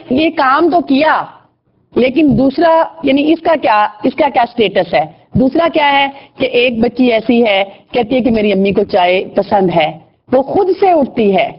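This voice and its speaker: A woman's voice: medium pitch, dull audio. A woman teaching a religious lesson to girls, asking rhetorical questions and often adding tag questions.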